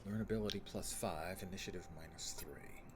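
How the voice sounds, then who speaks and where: A man's voice: sits low, a little fast, noisy background. A man giving casual video game commentary, thinking aloud and reading on-screen text, with muttered asides. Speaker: gamer playing and commenting on an RPG.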